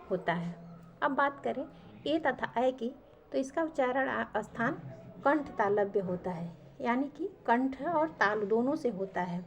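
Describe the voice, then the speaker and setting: A woman teacher with a somewhat high voice gives an exam-prep grammar lesson. She poses each question and answers it herself, repeating the key terms for emphasis. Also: darkish tone, muffled recording.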